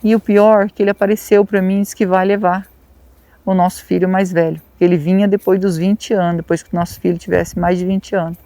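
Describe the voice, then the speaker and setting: A woman's voice: fairly low pitch, level tone, fairly quick, mellow, no echo. Brazilian lady telling a spooky legend outside, chatty, dry close sound. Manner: chatty, repeats words for emphasis. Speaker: paranormal vlogger. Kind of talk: retelling a local legend. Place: outdoors at a rural site at dusk.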